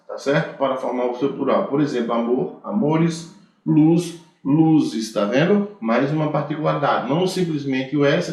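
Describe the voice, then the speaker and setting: Brazilian man, teacher, patient step-by-step explainer, slightly high voice, very roomy echo. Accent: Brazilian Portuguese. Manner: explains step by step, frequent "tá certo?" checks. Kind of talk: grammar lecture. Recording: very echoey room.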